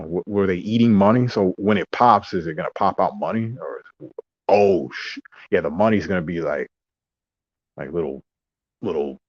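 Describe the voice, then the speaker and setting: A vlogger delivers a rambling, casual monologue, drifting into asides and mocking quoted voices. His voice sits low. The recording is dry, dull and lo-fi, with no room sound.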